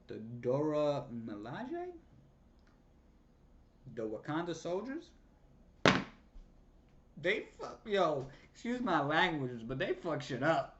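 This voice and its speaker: Excitable man with a slangy recap voice. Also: a little high, takes it slowly, long pauses, slight background noise. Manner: excitable, slangy, acts out scenes with sound effects. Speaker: show recap vlogger. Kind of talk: casual episode recap. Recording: slightly dull lo-fi sound.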